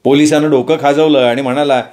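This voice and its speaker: A man's voice: mid-range voice, steady tone, brisk, a little mellow. A man narrating a story, with playful asides to the listeners.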